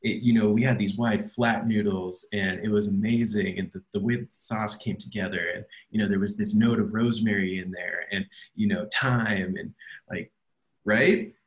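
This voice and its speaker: A man's voice: lowish voice, steady tone, moderate pace, rough recording. A man hosting a casual podcast chat, explaining ideas at length and often checking in with tag questions. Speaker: podcast host.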